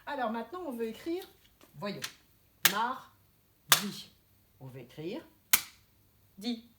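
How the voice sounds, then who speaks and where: A woman teaching a kindergarten handwriting lesson, her voice rising and falling a lot as she explains each stroke. She is precise and gently firm with the children. The classroom gives her voice a noticeable echo. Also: fairly high pitch, huge pitch swings, brisk, heavy background noise.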